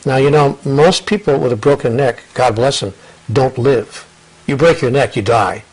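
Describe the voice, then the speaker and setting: An older man, a guest in an interview, earnestly shares his story and ideas, often repeating and restarting words and quoting others in lively asides. His mid-range voice moves at normal speed and sounds slightly rough. The audio quality is poor, and the talk is reflective conversational storytelling.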